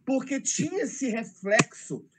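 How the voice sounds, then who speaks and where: With a crowd audible behind him, a middle-aged Brazilian teacher being interviewed takes his time recounting emotional stories about the children he teaches, mimicking their voices. His very high voice is animated throughout the casual chat.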